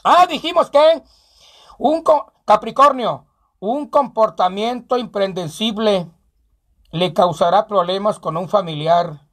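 High husky Mexican clown host. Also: male voice, slow, fairly bright tone. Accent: Mexican Spanish. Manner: joking, reads ads and phone numbers rhythmically. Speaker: clown host of a local show. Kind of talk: comic radio-style show with ads and news.

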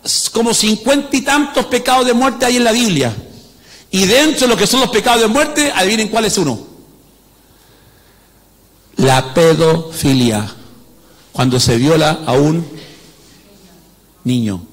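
A man's voice: high-pitched, animated, measured pace, pauses often. A man preaching as a pastor, emphatic, often asking the congregation if they follow. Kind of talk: animated preaching. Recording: long hall reverb.

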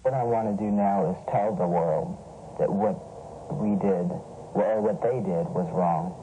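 A teenage boy interviewed for the news, his voice electronically lowered to hide who he is, speaking haltingly with restarts. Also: dark tone, slight background noise, poor audio. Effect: voice electronically lowered to hide identity.

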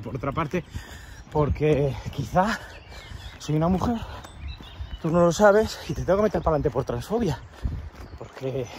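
A man's voice: a little high, a little mellow, slight background noise. A man with a Peninsular Spanish accent rants sarcastically to camera while climbing a steep outdoor path, out of breath, rambling and crude. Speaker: vlogger. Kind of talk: walking vlog rant to camera.

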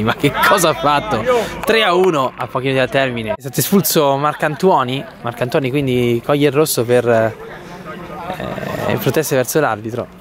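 A man giving excited play-by-play football commentary in the manner of goal commentary. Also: mid-range voice. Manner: animated, bursting into drawn-out shouts at goals and shots. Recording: crowd and outdoor noise behind.

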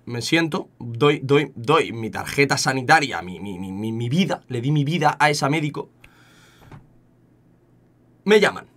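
A young man with an accent from Spain, telling a story casually to his chat, animated and often repeating words. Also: mid-range voice, measured pace, long pauses. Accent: Spain Spanish. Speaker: streamer.

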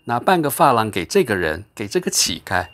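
A man's voice: on the low side, big pitch swings, a little fast, a bit bright. A man voicing a harsh, thrifty middle-aged mother who scolds sharply in an audiobook reading. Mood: angry.

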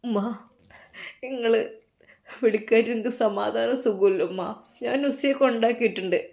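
A woman voicing a distraught young man who speaks in a hushed, pleading way. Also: a little high, moderate pace, creaky.

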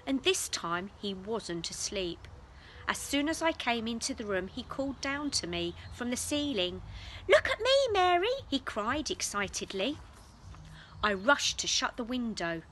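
A woman reading a children's story aloud in a gentle, expressive way. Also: medium pitch, moderate pace, slight background noise, rough recording.

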